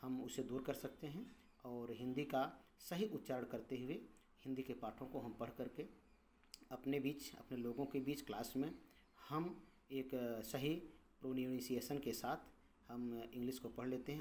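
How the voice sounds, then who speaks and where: A man's voice: mid-range voice, a little mellow, slight background noise. A man teaching English pronunciation as a patient teacher, repeating each word and its meaning. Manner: patient, repeats words and meanings, drawn-out vowels. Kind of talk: slow explanatory lesson.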